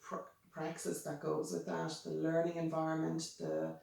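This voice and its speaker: A woman's voice: deep voice, little pitch movement, normal speed, gravelly, a little mellow. A woman from Ireland with an Irish accent, chatting casually as an interviewer. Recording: very echoey room, distant mic.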